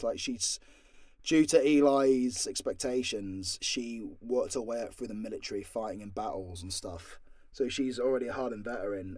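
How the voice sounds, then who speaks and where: A British audio drama creator and voice actor answers fan questions in a casual, unscripted chat, with a blunt, sweary, jokey manner. His medium-pitched voice has a darkish tone, recorded in studio quality with no room sound.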